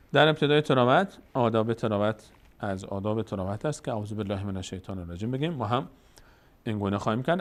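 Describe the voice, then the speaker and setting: A man teaching Quran recitation step by step. He explains patiently and stretches out sounds slowly to demonstrate them. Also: fairly low pitch.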